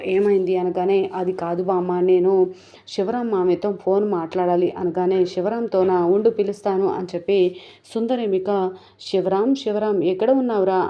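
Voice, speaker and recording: A woman with a low, level voice recaps a television serial episode. She repeats the characters' lines without putting on their voices. The recording sounds dull and lo-fi.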